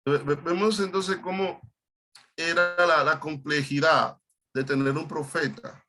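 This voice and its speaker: Man, pastor, bright forceful voice, halting teaching style, repeats words. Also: fairly high pitch, fairly even intonation. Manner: halting, repeats words, explains Hebrew terms. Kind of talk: online Bible study teaching.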